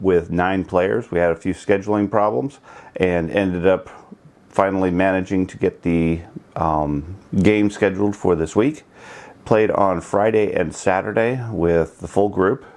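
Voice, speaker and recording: A middle-aged man with a notably deep, low voice hosts a casual video blog update. He talks in an unhurried, rambling, low-key way. He restarts his phrases and corrects himself as he goes. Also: a little mellow. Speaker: channel host.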